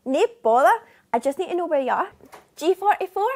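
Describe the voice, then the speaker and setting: A woman's voice: very high voice, animated, fairly quick. A young woman with a broad Scottish accent playing a chatty, naive, eager taxi dispatcher in a comedy sketch. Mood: cheerful, obliging. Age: young adult. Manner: chatty, colloquial. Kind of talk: acted comedy sketch, chatty customer-service talk. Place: small office, indoors.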